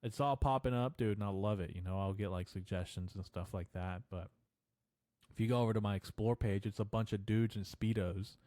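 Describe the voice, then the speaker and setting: A young man hosts a casual solo podcast in a lowish, slightly mellow voice at a somewhat quick pace, recorded dry with clean studio sound. He meanders loosely, full of slang and swearing, with a slight stutter and lisp.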